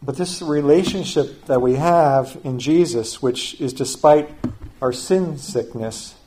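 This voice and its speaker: An older man with a mid-range voice gives a sermon as pastor. He talks in an easy, conversational way and often sinks to a soft, quiet tone to make a point. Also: mid-range voice, takes it slowly, slight background noise. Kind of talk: sermon with personal story.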